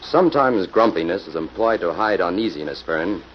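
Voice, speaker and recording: A lowish male voice, speaking at normal speed with animated delivery, plays a calm, determined investigator who works with police in 1940s radio acting. His manner is probing and businesslike, and the vintage recording is muffled and noisy.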